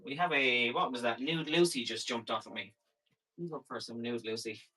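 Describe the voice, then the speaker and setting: Bright, forceful man chatting on a live sale. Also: medium pitch, normal speed, husky, poor audio. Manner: chatty, rambling, jokey asides. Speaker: live shopping show seller and host. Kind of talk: casual live-stream sales chat.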